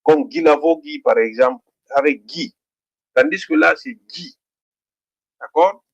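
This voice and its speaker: Guinean guy teaching syllables, kinda high gravelly voice, keeps asking "d'accord?". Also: animated, muffled recording. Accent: Guinean French. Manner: slow, deliberate, repeats each sound; checks in with "d'accord?". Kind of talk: literacy lesson on syllables.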